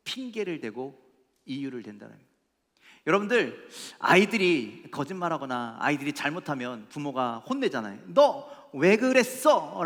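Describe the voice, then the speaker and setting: A man's voice: on the high side, a bit bright. A male pastor preaching a sermon with emphatic rhetorical questions to his congregation. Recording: echoey church hall.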